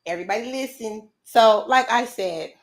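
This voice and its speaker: Woman streamer with a high voice: brash, profane, confrontational, casual live chat. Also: moderate pace. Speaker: livestream host.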